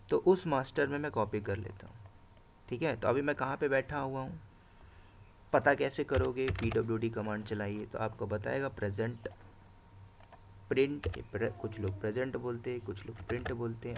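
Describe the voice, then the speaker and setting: Man, instructor, gravelly voice, mid pitch, step-by-step explaining, keyboard clicks, noisy recording. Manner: explains step by step, tags lines with "right?" and "okay". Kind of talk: live screen-share coding class.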